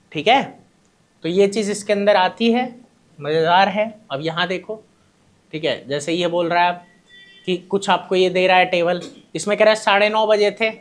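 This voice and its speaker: A male teacher giving a classroom lecture, who keeps asking his students short questions, answers them himself, and calls them his children. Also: high-pitched. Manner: addresses students fondly as children.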